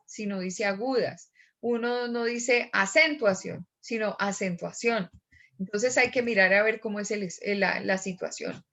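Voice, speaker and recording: A woman, a teacher giving an online class lecture, explaining step by step and repeating examples slowly. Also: fairly high pitch, a bit bright, dull audio.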